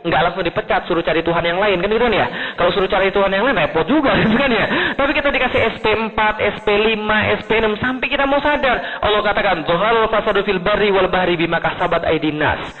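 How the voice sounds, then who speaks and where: A man from Indonesia giving an animated Islamic lecture to an audience, swinging between high emphatic lines and low asides and asking rhetorical questions. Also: quick pace. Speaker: preacher. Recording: tinny lo-fi recording in a large hall.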